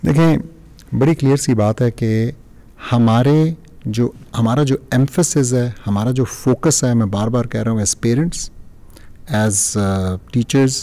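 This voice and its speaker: A man's voice: medium pitch, mellow. A man from Pakistan, a guest on a podcast, speaking in a reflective, earnest way and mixing English phrases into his speech.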